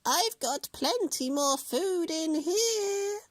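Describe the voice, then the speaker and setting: A man reading a storybook aloud and voicing a wicked old witch who draws out her words in a shrill screech. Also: lively intonation, a bit bright, dry recording, heavily acted. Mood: coaxing. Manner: screeching, drawn-out and slow.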